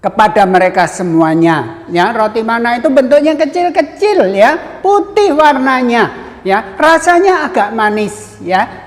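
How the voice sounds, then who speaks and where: Brief: high-pitched female Sunday school teacher, lively Bible storytelling for kids, long reverb. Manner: adds a questioning "ya" after nearly every phrase; lively, asks children questions.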